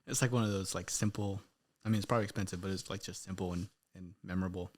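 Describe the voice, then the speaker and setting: A man's voice: sits low, fairly even intonation, fast talker, darkish tone. A young man hosting a podcast in casual chat, loose and joking, laughing often and swearing casually. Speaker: podcast host.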